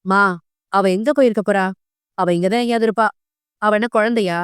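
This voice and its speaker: A cool, dismissive young husband from an audio novel, voiced by a woman narrator. He answers curtly in a lowered, flat tone, quick and unbothered. The recording is dry. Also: clear, resonant tone, no room sound, natural voice. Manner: unbothered, curt.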